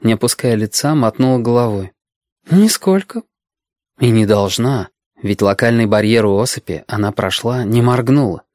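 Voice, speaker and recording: A man reading an audiobook aloud in a calm, measured storytelling manner. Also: fairly low pitch, no room sound, studio quality. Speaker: audiobook narrator.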